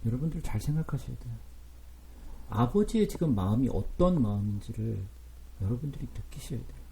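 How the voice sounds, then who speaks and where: A man's voice: mid-range voice, sing-song, brisk, vocal fry, mellow, slight background noise. A man teaching the Bible in a sermon style, earnest and emotional, often turning to the listeners with questions.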